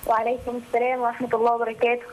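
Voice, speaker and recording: A woman's voice: fairly high pitch, completely flat delivery, racing, a little mellow, slight background noise. A woman from Egypt calling in on a phone line to ask for advice, speaking hesitantly with many fillers. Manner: hesitant, fills gaps with "aah". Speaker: caller. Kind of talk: phone call-in question.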